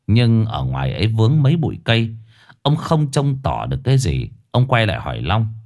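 A man narrating a comic story in a lively, mocking way. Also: lowish voice, a little fast.

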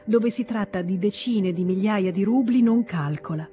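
A tender, earnest young noblewoman, read by a woman, speaks in a confiding, gently pleading way. The voice is warm and mellow, in a medium register. Faint music plays underneath. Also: medium pitch, normal speed, lightly acted. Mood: fond. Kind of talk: audiobook character voice.

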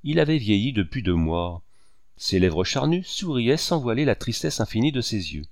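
A man narrating a novel in a measured, expressive literary reading. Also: medium pitch, no echo, clean studio sound. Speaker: audiobook narrator.

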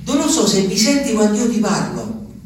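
A stage actor plays a lonely old peasant man in a theatrical monologue, musing aloud to the moon in a wistful, rambling way. His high voice is very animated at normal speed. The recording is distant, with reverb and faint noise from the theatre stage.

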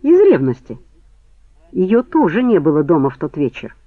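A man reading the part of a sharp woman who questions her lover in cool, cutting lines. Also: fairly high pitch, huge pitch swings, moderate pace, no echo. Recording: tinny phone-like band, dry.

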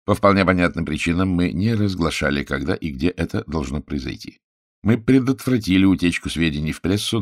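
A man's voice: sits low, dry recording, clean studio sound. A man voicing a grave, worried senior statesman in an audiobook, formal and solemn.

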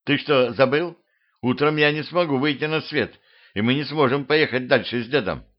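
Guy doing a whiny hungry vampire girl, pitched up, audiobook, kinda muffled sound. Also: moderate pace, natural voice. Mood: urgent. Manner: whiny, petulant. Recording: dull lo-fi home recording.

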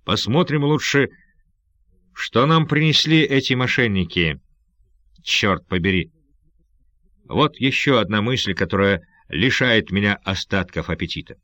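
A man's voice: on the low side, lively intonation, measured pace, pauses often, sharp tone, no echo, studio quality. A man doing a wry, unflappable adventurer. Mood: alarmed. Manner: joking, easygoing, philosophical.

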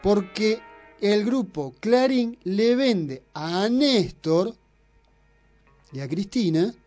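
Speaking very slowly yet animatedly, a man with a high, slightly mellow voice and an Argentine Spanish accent hosts a radio program over faint music. He teases his co-host and delivers long, provocative political lectures, argumentative in tone, in a stream of opinionated banter.

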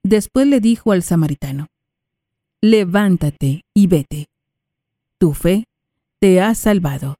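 Slow, solemn woman reading scripture. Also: on the low side, animated, dark tone, no room sound, studio quality. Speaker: scripture reader. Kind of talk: liturgical reading.

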